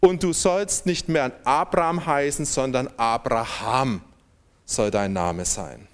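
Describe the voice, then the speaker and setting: A man's voice: mid-range voice, slow pace. A man preaching a sermon, reading scripture aloud with strong emphasis and calling on the congregation to respond.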